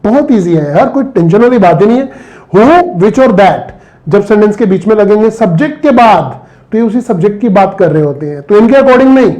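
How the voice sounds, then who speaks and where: A man's voice: sits high, warm tone, rough recording. A man teaching a grammar lesson and quizzing his viewers with questions as he goes. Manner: talks to viewers, quizzing them with rhetorical questions. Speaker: English teacher.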